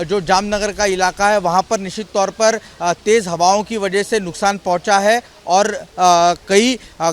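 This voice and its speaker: A male field reporter giving a live news report in a halting way, with many hesitations. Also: high voice. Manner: halting delivery with repeated pauses and filler phrases.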